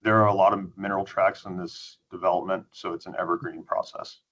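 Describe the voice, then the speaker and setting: A man with a very low voice testifies over a video call, answering questions briefly and plainly. The call audio is dull and lo-fi. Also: flat delivery, a little fast, fairly bright tone, breathy edge. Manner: brief, matter-of-fact answers. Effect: heard over a video call. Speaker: witness at a hearing. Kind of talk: answering questions under examination.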